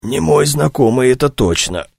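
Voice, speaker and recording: Male narrator doing a hoarse, wheezing detective, raised pitch, dry close sound, audiobook. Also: lively intonation, normal speed, a little mellow, no echo. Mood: wry. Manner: rasping, partly whispered lines.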